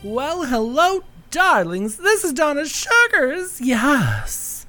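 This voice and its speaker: A man playing a flamboyant, excitable drag queen hostess with a campy, theatrical delivery for a podcast intro. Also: very high-pitched, slow pace, faint music behind, pitched above the performer's own voice, exaggerated voice. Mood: grand, welcoming.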